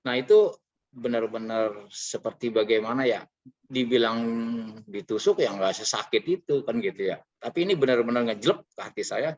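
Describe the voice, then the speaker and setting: A man earnestly sharing a personal testimony, halting and confessional, with frequent filler sounds. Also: medium pitch, muffled recording. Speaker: training participant sharing his experience.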